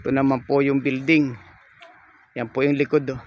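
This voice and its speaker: A man's voice: medium pitch, level tone, moderate pace, slight background noise. A man walking a lot outdoors and narrating a property tour in polite, upbeat salesman patter. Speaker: real estate agent giving a property tour. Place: outdoors on a large fenced lot.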